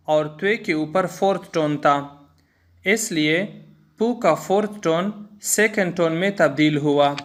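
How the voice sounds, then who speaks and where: A man's voice: a little high, fairly bright tone. A man speaking with an Urdu-influenced accent, teaching a language lesson and patiently repeating each example three times. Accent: Urdu-influenced Hindustani. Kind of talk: slow spoken language lesson with repeated drills.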